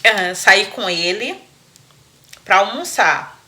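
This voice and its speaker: A woman hosting a storytelling show, retelling a listener's story with animated, chatty asides and frequent laughter. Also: mid-range voice, takes it slowly. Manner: animated, laughs often, talks to listeners as friends. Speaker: storyteller host.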